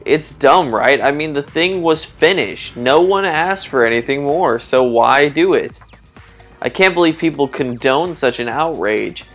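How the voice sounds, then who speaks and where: A man voicing a self-righteous young male fan ranting about sequels, read aloud plainly in a slow, even voice. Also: fairly high pitch, faint music behind, exaggerated voice. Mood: indignant.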